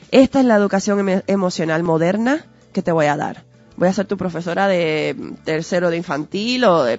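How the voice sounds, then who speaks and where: Earnest teacherly woman. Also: fairly low pitch. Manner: earnest, teacherly, full of rhetorical questions. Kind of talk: conversational explanatory talk. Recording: dull lo-fi audio with faint music.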